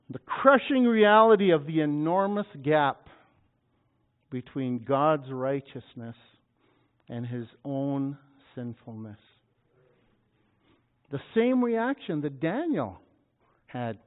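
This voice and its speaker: Tinny-sounding preacher, dramatic swings. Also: male voice, a little high. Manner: dramatic, shouting scripture at peaks. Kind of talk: sermon.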